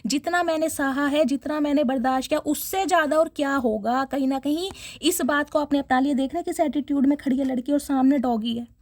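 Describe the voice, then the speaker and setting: High-voiced chatty woman reading tarot. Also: fairly quick, few pauses, a little mellow, no echo. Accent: Hindi. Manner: chatty, dramatic, mixing in English words. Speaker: tarot reader.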